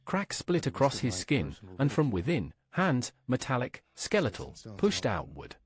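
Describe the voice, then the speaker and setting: A man's voice: mid-range voice, wildly swooping pitch, a little slow. A man narrating a horror story in a tense, dramatic manner.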